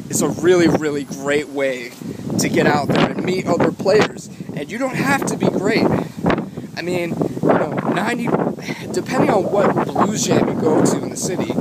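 Strolling down a city street, a man in his 20s who vlogs about guitar offers casual tips, his slightly high voice halting yet emphatic. The recording comes from a phone at arm's length with wired earbuds plugged in, so wind, traffic and general urban sound come through loudly.

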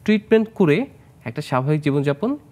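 A man's voice: a little high, animated, a little fast, mellow. A plastic surgeon from Bangladesh, a man, explaining treatments as a guest in a studio health interview, mixing in English medical terms. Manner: explanatory, mixes English medical terms, asks host questions.

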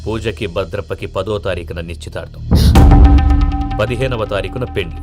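A man playing a gruff, commanding elder brother. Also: on the low side, normal speed, loud music behind the voice, close to an everyday voice. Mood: stern.

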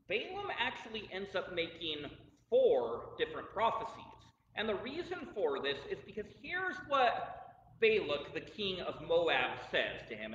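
A man teaches a bible lesson in a chatty, animated way, often breaking into laughter. His voice is fairly high and swoops widely. It is heard from far off in a roomy hall on a dull recording. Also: a little hiss or hum.

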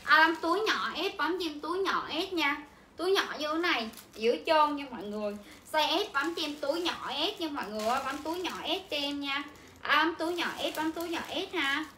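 A woman's voice: high voice, sharp tone. A young woman, chattering through a live-stream clothing sale with repetitive sales patter. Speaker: livestream clothing seller. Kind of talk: livestream selling chat. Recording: echoey room with faint ambient noise.

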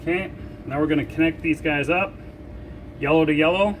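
An older man talks through a hands-on job in an easygoing, step-by-step way, his voice sitting a little high. He was recorded on a camera mic inside a big storage shed, and at times he moves away from it. A steady hum of air conditioning runs clearly underneath. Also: fairly quick. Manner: relaxed, explains step by step while working. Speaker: sailing vlogger. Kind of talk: hands-on how-to demonstration. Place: large boat storage shed, indoors.

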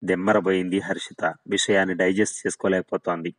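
A man reading a novel aloud in a steady, measured narration. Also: low voice, dry recording, poor audio. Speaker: audiobook narrator.

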